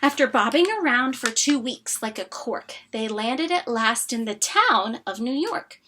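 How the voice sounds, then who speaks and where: A woman's voice: fairly high pitch, animated, a little slow, sharp tone, slight background noise. A woman reading a rhyming children's story aloud expressively and dramatically, with chatty asides.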